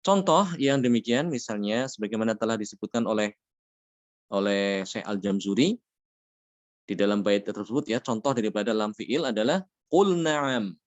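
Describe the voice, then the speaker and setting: A man teaching a Quran recitation lesson, explaining rules patiently, checking in with frequent "ya" and chanting Arabic examples slowly. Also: lowish voice. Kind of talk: religious lesson on tajweed rules.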